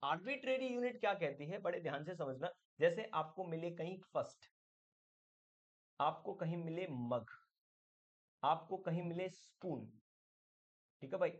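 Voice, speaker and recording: A man's voice: a little high, highs cut off. A man teaching an exam-prep English grammar lesson, chatty, asking questions and answering them himself. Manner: chatty, calls the viewer "my friend", asks and answers his own questions.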